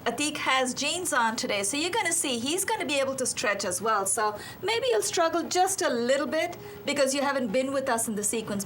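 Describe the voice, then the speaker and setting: A woman's voice: high-pitched, fairly bright tone. A woman hosting a studio yoga show, bubbly and chatty as she talks with guests. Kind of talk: upbeat studio talk show chat.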